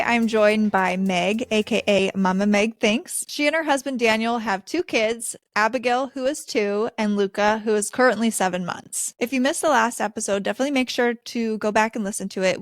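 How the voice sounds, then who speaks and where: A woman's voice: mid-range voice, a bit bright, dry recording, clean studio sound. A young woman hosting a podcast, introducing her guest in an upbeat way and giving short encouraging replies. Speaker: podcast host.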